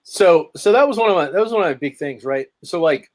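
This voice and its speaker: Chatting casually on a video call, a marketer who's a guest on a podcast tells a wandering story, tacking "right?" onto his lines. He sounds animated and fairly quick, with a somewhat high, slightly mellow voice.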